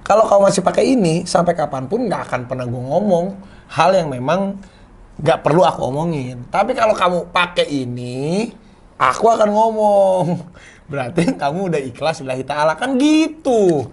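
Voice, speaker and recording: A man's voice: a little high, expressive, fairly quick, husky. A man in his thirties in a casual chat, playful and laughing, explaining his points through made-up everyday examples. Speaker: co-host.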